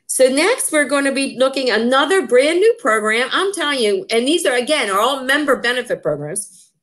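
A woman's voice: sits high, big pitch swings, normal speed, a bit bright. A woman hosting a casual chat about upcoming member events, enthusiastic and full of fillers and restarts. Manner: enthusiastic, repeats herself with many fillers. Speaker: association president hosting.

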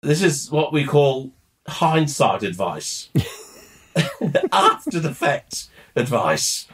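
Animated man telling a story. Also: a little high, very slow, a little hiss or hum. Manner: animated, laughing, full of restarts. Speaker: podcast co-host. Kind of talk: casual anecdote-telling.

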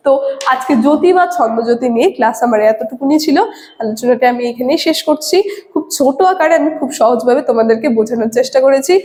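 Female teacher with a high voice, patient explainer, echoey classroom with long reverb. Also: fast talker, mellow. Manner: explains patiently, often adds tag questions. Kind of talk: classroom lecture.

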